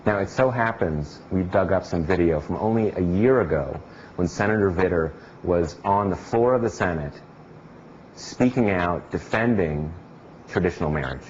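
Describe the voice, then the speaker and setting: Brief: very low male news host, calm and wry, dull lo-fi sound with faint hiss. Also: normal speed. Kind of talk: news commentary. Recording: dull lo-fi audio with faint noise.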